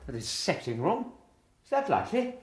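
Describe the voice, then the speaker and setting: An actor playing a war-weary, irritable but curious Victorian English army doctor in a British radio drama. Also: male voice, sits high, wildly swooping pitch, moderate pace, husky, exaggerated voice. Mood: sceptical. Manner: well-spoken, old-fashioned gentlemanly speech.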